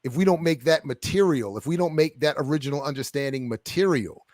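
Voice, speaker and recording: A man's voice: a little high, fairly quick, darkish tone, no room sound, clean studio sound. A man guest, an author and scholar, answering interview questions with building passion over a video call. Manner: passionate, builds up and gets amped.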